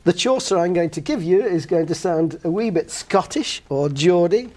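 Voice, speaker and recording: A male university linguist explaining old pronunciation slowly and thoughtfully, with frequent "uh" pauses. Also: sits high, expressive, warm tone. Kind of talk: interview explanation.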